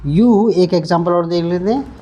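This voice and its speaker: A Hindi-speaking man teaching English vocabulary in an online lesson, slowly repeating words and spelling them out letter by letter. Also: high voice, mellow.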